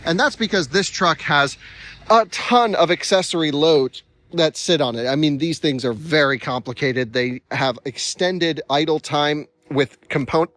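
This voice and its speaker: A man's voice: on the high side, unhurried, a bit bright, dry recording. A man hosting a casual explainer vlog, chatty and restarting words, talking through the hiccups. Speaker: channel host.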